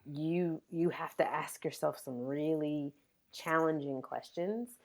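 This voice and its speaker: Low gravelly-voiced woman guest. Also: fairly even intonation, slow pace. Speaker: pediatric physical therapist guest. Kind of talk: podcast interview.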